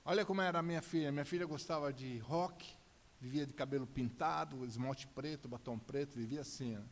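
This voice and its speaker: A man's voice: medium pitch, brisk, slight background noise. A middle-aged man giving a personal testimony in church, telling his story animatedly and acting out the dialogue. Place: church hall. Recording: reverberant church hall.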